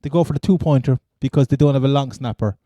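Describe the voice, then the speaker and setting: Male sports co-host, Cork Irish accent, dark relaxed tone, dry close sound, halting and repetitive, casual chat. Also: mid-range voice, dry recording. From Cork, Ireland. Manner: rambling, stammering, repeats phrases. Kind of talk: casual American football chat.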